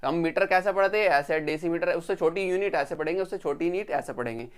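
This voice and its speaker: A man's voice: on the high side, clear, resonant tone. Repetitive step-by-step male teacher. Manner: repeats each step, checks understanding; counts slowly while drawing. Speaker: engineering drawing teacher. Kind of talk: recorded video lecture.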